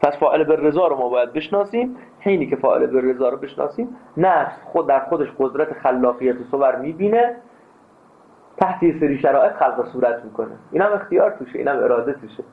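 A man's voice: medium pitch, vocal fry. Man lecturing on a tinny line. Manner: emphatic, animated, tells anecdotes. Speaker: teacher of philosophy. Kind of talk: classroom lecture. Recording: tinny phone-like sound.

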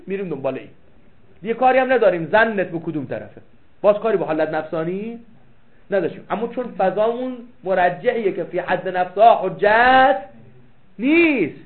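A man gives a seminary lecture in a high voice, reading Arabic passages aloud and breaking them down with his own questions. He repeats key phrases to drive a point home. The recording is thin and phone-like. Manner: explains with rhetorical questions and reads out Arabic text. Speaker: seminary teacher. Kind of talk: classroom lecture.

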